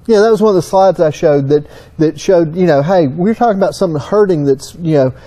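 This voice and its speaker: Middle-aged Southern US man, folksy technical explainer; high-pitched, mellow tone. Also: fairly quick. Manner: folksy, storytelling. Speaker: engine consultant.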